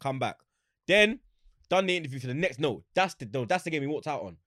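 A man with a London roadman accent and heavy street slang, chatting casually and acting out exchanges as he tells animated stories. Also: a little high, brisk, dry recording, studio quality. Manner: animated storytelling, acts out quoted exchanges. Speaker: interview guest, football fan. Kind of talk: casual anecdotal chat.

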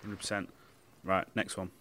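A man's voice: sits low, little pitch movement, moderate pace, sharp tone, a little hiss or hum. A man interviewing a guest, asking questions in a conversational, prompting way.

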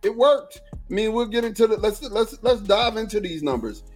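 A man's voice: sits high, lively intonation, normal speed. Texan male co-host, casual, rambling sports talk with a slightly raised voice; faint music bed. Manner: rambling, repeats himself, lots of "you know what I'm saying". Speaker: podcast co-host.

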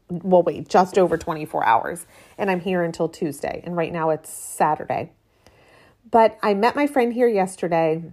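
A woman's voice: medium pitch, a little mellow. A woman in her late thirties hosting a solo podcast in a casual, chatty, informal way. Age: late 30s. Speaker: podcast host. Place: cabin with a metal roof in rain.

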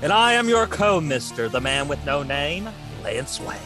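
A man's voice: a little high, big pitch swings, measured pace, sharp tone, faint music behind, heavily acted. Man as a wildly swooping horror-show sidekick. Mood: showy. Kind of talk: scripted comic podcast promo.

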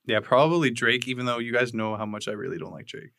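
A young man co-hosting a podcast among friends, rambling at an easy, laid-back pace and swearing freely. His voice sits at an ordinary middle pitch. The sound is dry and close, with no room echo. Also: fairly even intonation, fast, gravelly, fairly bright tone. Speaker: podcast co-host. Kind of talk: casual chat.

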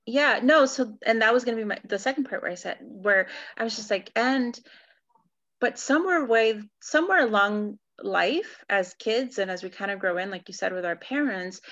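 A California woman in her forties co-hosts a casual podcast, thinking aloud about personal topics and frequently checking in with "right?". Her mid-range voice has lively intonation, a fairly bright tone, and a normal speed, on lo-fi audio.

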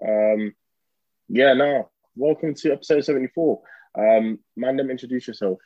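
A man's voice: medium pitch, moderate pace, no echo, lo-fi sound. A man with a London accent hosting a podcast in casual, slangy chat. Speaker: podcast host.

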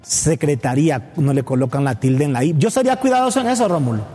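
A man's voice: a little high, lively intonation, warm tone, faint music behind. A man from Honduras, co-hosting a casual political talk show and arguing points and correcting details. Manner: quick, argumentative, corrects details.

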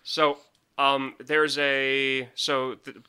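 A man in his thirties chatting as a podcast co-host, his voice very bright and forward. He rambles, restarts his sentences and laughs often, with his pitch in an ordinary middle range. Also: little pitch movement, extremely slow, clear, resonant tone. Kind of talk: casual chat.

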